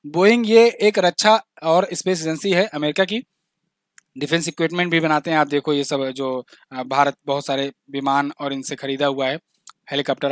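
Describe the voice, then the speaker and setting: Male exam-prep tutor, high-pitched, talky, repeats facts, dead-dry close recording. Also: fairly bright tone, dry recording. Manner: chatty, explains with asides and little jokes; repeats key facts, says "ठीक है ना" often. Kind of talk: current affairs quiz lesson.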